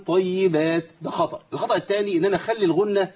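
Man, Egyptian Arabic accent, Quran recitation teacher, quizzes and corrects students, husky voice, dull lo-fi sound. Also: high-pitched, rapid-fire, darkish tone. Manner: quizzes students by name, demonstrates and corrects errors. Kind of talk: live tajweed lesson with recited examples.

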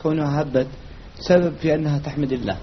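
A man's voice: fairly high pitch, quick pace, a loud crowd. A man at a lesson tentatively arguing a grammar point with the teacher, with many fillers. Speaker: student raising an objection. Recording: lo-fi recording with faint background noise.

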